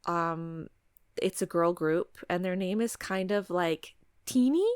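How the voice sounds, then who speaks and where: A woman hosting a podcast in casual chat, halting as she carefully picks her words and talks around them. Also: on the low side, clear, resonant tone, no room sound, clean studio sound. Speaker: podcast host. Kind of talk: casual podcast chat during a word game.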